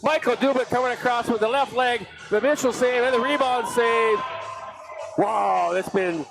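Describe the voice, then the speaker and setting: A middle-aged man calling live hockey play-by-play, with excitable calls that jump high on big saves. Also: normal speed, gravelly, music in the background. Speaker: play-by-play announcer. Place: ice arena broadcast booth. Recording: noisy arena stream.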